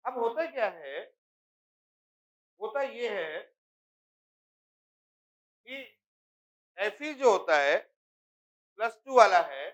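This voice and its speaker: A man's voice: sits high, sing-song, drawn-out words, long pauses, fairly bright tone. A male chemistry teacher lecturing a class, explaining step by step and repeatedly asking students if they understand.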